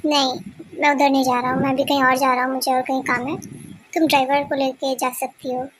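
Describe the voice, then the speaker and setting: A woman's voice: sits high, little pitch movement, fairly quick, slight background noise, natural voice. Woman voicing a cold young husband, scolding, curt, fan-dubbed romance story. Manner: brusque and scolding.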